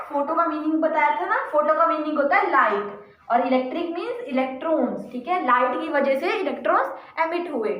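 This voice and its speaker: High-voiced Indian woman teaching physics. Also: fairly bright tone, roomy sound, poor audio. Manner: explains in Hindi mixed with English terms, asks and answers her own questions. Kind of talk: classroom lecture.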